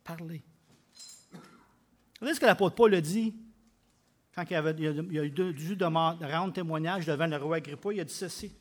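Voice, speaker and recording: A man with a Québécois French accent preaching a sermon, emphatic, with loud bursts and quiet drops. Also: on the high side, moderate pace, pauses often. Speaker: pastor.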